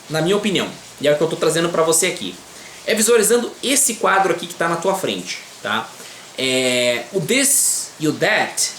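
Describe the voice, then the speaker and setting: A man with a Brazilian Portuguese accent teaching English grammar to beginners. He checks in often with quick tag questions and slows down to model pronunciation. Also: high-pitched, fairly bright tone, reverberant, a little hiss or hum.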